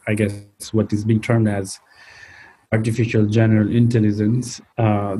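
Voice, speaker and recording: A man from Nepal, a tech company founder, answering interview questions hesitantly with many fillers and some throat clearing. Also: fairly low pitch, mellow, rough recording.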